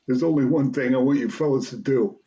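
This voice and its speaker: A man's voice: medium pitch, brisk, warm tone, highs cut off, lightly acted. A man playing a nervous, whiny cowardly lion in a comic radio play, blustering and stammering. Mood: blustering dread.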